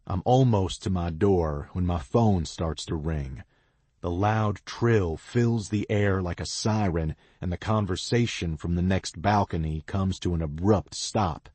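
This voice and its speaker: A man narrating a romance audiobook in the first person, with slow, expressive reading. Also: deep voice, husky, dry recording.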